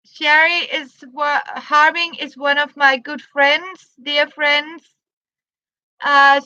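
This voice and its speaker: Slow-talking Danish woman in her fifties. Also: sits high, pushed and bright, dry recording, highs cut off. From Denmark. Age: 50s. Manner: halting, simple English, greets viewers by name, laughs often. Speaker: livestream crafter. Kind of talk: live stream chat with viewers.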